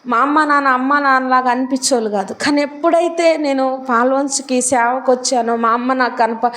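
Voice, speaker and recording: High-voiced woman preacher. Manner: rising to emphatic repeated declarations. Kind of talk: sermon with personal testimony.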